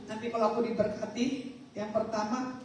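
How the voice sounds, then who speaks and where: A middle-aged woman pastor preaching, coaxing and teasing her congregation in an animated way. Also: a little high, moderate pace. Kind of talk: sermon and prayer ministry. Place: church hall. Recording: echoey hall from far off, faint noise.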